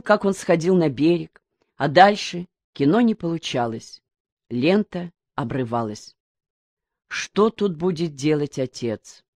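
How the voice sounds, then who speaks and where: A woman's voice: sits low, darkish tone, dry recording. Woman reading an audiobook, dry close sound. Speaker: audiobook reader. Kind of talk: scripted audiobook narration.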